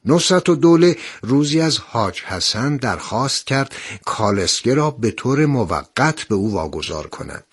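A man hosting a program, reciting poetry and narrating stories in a formal, measured style. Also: mid-range voice, big pitch swings, husky, soft background music. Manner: formal, warm-toned recitation. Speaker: radio program host. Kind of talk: scripted storytelling and poetry narration.

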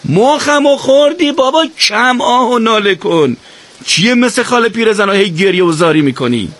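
A man voicing a short-tempered young male soldier who shouts and scolds a complaining comrade. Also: sits high, voice pushed up. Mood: exasperated. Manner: shouting, exasperated.

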